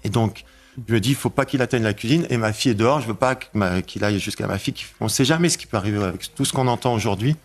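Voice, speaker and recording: Being interviewed about a break-in, a man with a somewhat low voice gives an emotional account. He tells it haltingly, repeats himself, and gets louder as he relives those moments.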